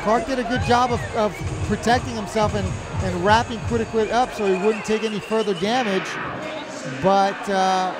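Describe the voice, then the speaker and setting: A man's voice: sits high, fairly even intonation, normal speed. A man giving conversational, emphatic color commentary on an MMA fight, often repeating himself. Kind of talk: live MMA analysis, conversational. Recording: crowd and music behind.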